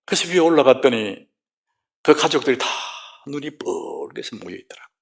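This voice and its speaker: A middle-aged man preaching in a church with a gravelly, rough-edged voice. His pitch rises and falls widely as he swings from near-whispers to loud exclamations. He speaks as a pastor addressing his congregation. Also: expressive, normal speed. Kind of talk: sermon. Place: church sanctuary.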